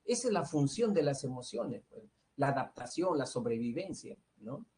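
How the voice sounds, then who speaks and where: A man with a Peruvian accent lectures students on psychology. He works through each point out loud, poses questions and answers them himself, and checks in with a questioning "¿no?" at the end of almost every phrase, with "este" filling his pauses. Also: mid-range voice, big pitch swings. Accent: Peruvian Spanish. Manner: explanatory, tags nearly every phrase with a questioning "¿no?". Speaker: pre-university psychology teacher.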